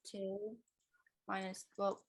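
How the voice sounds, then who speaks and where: A woman's voice: mid-range voice, completely flat delivery, slow. A woman student answering hesitantly over a laggy video call, her replies full of fillers. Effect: voice coming in over a laggy video call. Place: remote, joining by video call. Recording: faint, echoey call audio with light noise.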